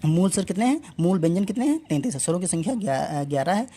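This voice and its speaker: A woman's voice: lowish voice, very animated, fast talker, mellow, a little hiss or hum. A woman teaching an exam-prep lesson, drilling letter sounds aloud and asking questions she then answers herself. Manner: addresses viewers as friends.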